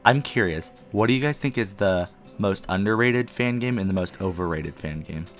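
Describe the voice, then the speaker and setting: A young man hosts a relaxed podcast conversation at a friend's house at night, rambling with lots of ums while sharing one mic with a co-host. His voice is fairly low and his pace normal, with soft music in the background.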